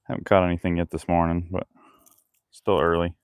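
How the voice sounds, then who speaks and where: A man's voice: sits low, completely flat delivery, brisk, clear, resonant tone, dry recording, studio quality. A man chatting casually with live-stream viewers while he works outdoors by a creek, talking loosely between tasks. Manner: chats loosely with viewers while busy with his hands. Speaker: fishing livestreamer.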